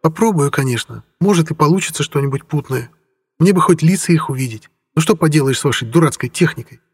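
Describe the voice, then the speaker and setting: A man voicing a sly, sharp-tongued young witch in an audiobook, talking in a teasing, knowing, mock-patient way. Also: high voice, a little fast, big-room sound, pitched above the performer's own voice. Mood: grumbling. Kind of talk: audiobook character voice.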